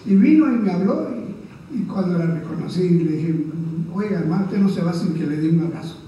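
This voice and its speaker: A man's voice: high-pitched, lively intonation, fairly quick, warm tone, far from the mic, dull audio, slight background noise. A male pastor preaching a sermon, earnest and conversational, often checking in with his congregation. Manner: earnest, repeats "¿verdad?" to the congregation. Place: church hall. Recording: echoey church room heard from afar.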